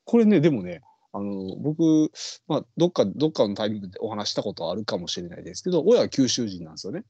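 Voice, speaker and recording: A man's voice: fairly low pitch, big pitch swings, quick pace, dark tone, husky, dry recording, highs cut off. A man with a Kansai accent, a podcast co-host chatting casually and rambling with many fillers. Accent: Kansai Japanese. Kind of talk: casual chat.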